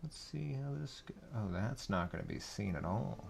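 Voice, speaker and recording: A man's voice: lowish voice, lively intonation, moderate pace, vocal fry, faint music behind. A man hosting a live stream, rambling and laughing as he thinks aloud while painting. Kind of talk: casual live stream chat.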